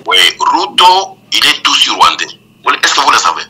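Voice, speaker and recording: A man's voice: mid-range voice, very animated, normal speed, pushed and bright. Older man ranting over a phone line. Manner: emphatic, repetitive, stammering restarts. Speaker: political commentator guest. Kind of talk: impassioned political commentary by phone.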